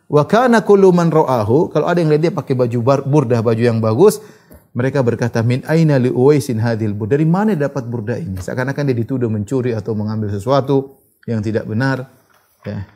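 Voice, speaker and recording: A male preacher tells a story in a sermon, quoting Arabic lines and then translating them in a lively storytelling manner. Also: mid-range voice, fairly quick. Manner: animated retelling, quotes Arabic then translates. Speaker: Islamic preacher.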